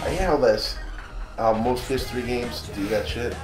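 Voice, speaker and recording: A man's voice: mid-range voice, normal speed, faint music behind. A young man watching a friend play a video game, chatting casually and making dry wisecracks. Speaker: co-commentator. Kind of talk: casual gaming commentary.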